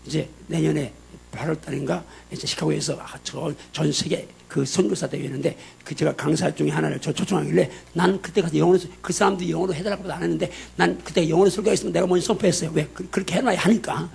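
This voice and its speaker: An older male pastor delivers a sermon in a slightly high, gravelly voice. He jokes and laughs with the congregation, then drives his points home with emphatic, building exhortation. Faint hum behind him. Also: steady tone, fast, a little mellow. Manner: joking, chatty preaching with frequent laughs; emphatic exhortation, rising in volume. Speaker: guest pastor.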